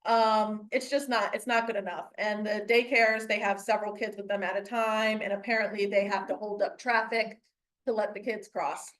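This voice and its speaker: A woman's voice: medium pitch, fairly even intonation, moderate pace, a bit bright. A woman giving a frank, colloquial update at a community meeting.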